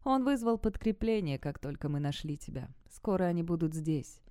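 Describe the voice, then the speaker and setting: Woman narrator voicing a low-voiced male warlock, cool and cryptic, audiobook, smooth dry sound. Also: expressive, moderate pace, mellow, no echo, close to an everyday voice. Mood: matter-of-fact. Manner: low-voiced and matter-of-fact. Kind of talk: audiobook character voice.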